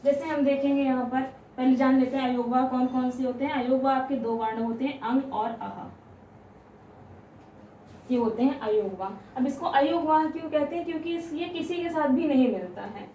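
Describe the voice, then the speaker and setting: A woman teaching grammar, explaining step by step, asking questions and answering them herself, and stretching out example sounds slowly. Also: sits high, dark tone, a little hiss or hum. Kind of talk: classroom explanation. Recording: echoey room, voice from a distance.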